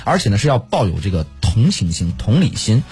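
A man's voice: fairly low pitch, fairly quick, vocal fry, breathy edge, faint music behind. A man from Pingdingshan telling stories in casual chat, acting out phone calls and laughing often. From Pingdingshan, Henan. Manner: animated storyteller, acts out phone calls with laughs. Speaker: co-host.

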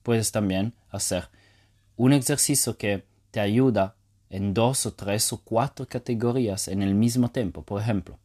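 Low-voiced hesitant podcast man. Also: a little slow, mellow. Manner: hesitant, many fillers and restarts. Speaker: podcast host. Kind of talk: casual solo podcast talk.

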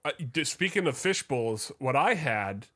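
A man's voice: mid-range voice, very animated, unhurried, fairly bright tone. A young man co-hosting a casual podcast, with a voice in the middle range for a man. He talks bluntly and swears freely, and he often stammers as he starts a thought before launching into a rant. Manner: blunt, profane ranting with stammered restarts. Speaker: podcast co-host. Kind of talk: casual chat.

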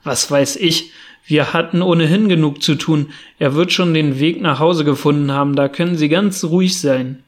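A man reading the part of a plodding, good-natured male police constable who speaks gruffly and dismissively, in an audiobook reading. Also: on the high side, normal speed, natural voice.

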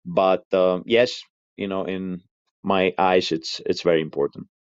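A man giving his informal opinion as a voicemail caller, in halting, hedged phrases. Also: low voice, flat delivery, clean tone, no echo. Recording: dry, dull lo-fi sound.

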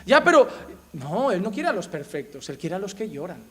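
A middle-aged male pastor, preaching a passionate sermon that swings from loud to hushed. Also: high-pitched, sing-song, fairly quick.

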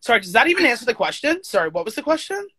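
A woman's voice: a little high, big pitch swings, very fast, sharp tone, breathy edge, no echo. A young woman from Scarborough, Canada, talking as a guest in a casual interview over a call from a small closet, laughing often and acting out the voices of people she quotes. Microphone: phone or call audio.

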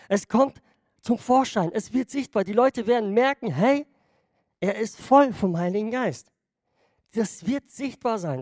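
High-voiced man preaching conversationally. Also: a little mellow, no room sound, clean studio sound. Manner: conversational preaching, frequent "ja?" checks to the congregation. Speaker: pastor. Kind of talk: sermon.

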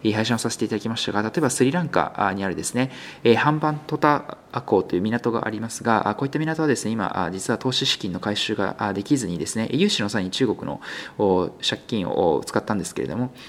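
Low-voiced man hosting rapid business news. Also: animated. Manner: frequent filler sounds and hesitations; conversational, polite sign-off. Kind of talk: unscripted daily market news podcast.

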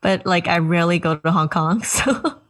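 A woman's voice: lowish voice, moderate pace, distant mic. Giggly young woman, a bit off-mic. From Taiwan. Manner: giggly, laughs often. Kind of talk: casual chat.

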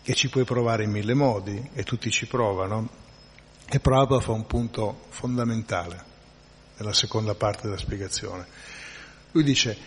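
A man's voice: lowish voice, normal speed, long reverb tail, a little hiss or hum. A man teaching a spiritual class in a conversational lecturing way, often checking in with his listeners and restarting his phrases. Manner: conversational, frequent tag questions and restarts.

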